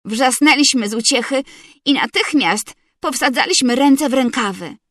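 A woman reading a story aloud as narrator, in an unhurried, measured storytelling manner. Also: high-pitched, fairly bright tone, no echo, clean studio sound. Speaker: audiobook reader. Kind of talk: literary narration.

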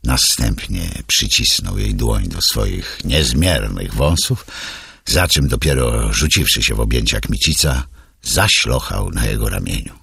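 A man narrating a classic novel as an audiobook in a measured, expressive reading. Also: very deep voice, gravelly, slightly rough, dry recording, studio quality.

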